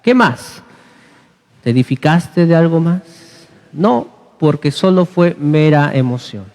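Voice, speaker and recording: A man's voice: a little high, lively intonation, takes it slowly, darkish tone. A man from Peru preaching a sermon in a church, exhorting the congregation and dropping humorous asides. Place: church hall. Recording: long church reverb.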